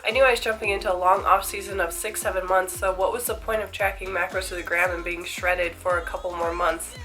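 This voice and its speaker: A young woman with a cold, her voice congested, chats candidly to camera about her fitness routine as a fitness vlogger. Her pitch is on the low side and her delivery flat, a little fast and a bit bright, with faint music in the background.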